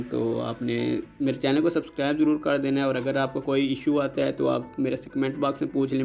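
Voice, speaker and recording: A host of a tech tutorial channel demonstrates a phone app in a courteous, relaxed way, his fairly flat voice creaky and fried in texture. Quiet music runs underneath his narration.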